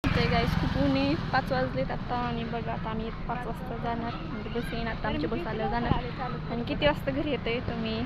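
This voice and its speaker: A woman's voice: on the high side, steady tone, a little fast, dull audio. A young woman chatting to her phone camera outdoors on a vlog, talkative and teasing, laughing often. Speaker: vlogger. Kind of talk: casual vlog chat to camera. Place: outdoors on village lanes and at a bus stand. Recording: noisy outdoor phone recording. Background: loud street noise.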